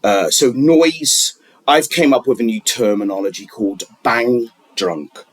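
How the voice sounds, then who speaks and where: A man of medium pitch rambles through some unscripted wellness advice. His speech is halting, with frequent restarts and plenty of fillers.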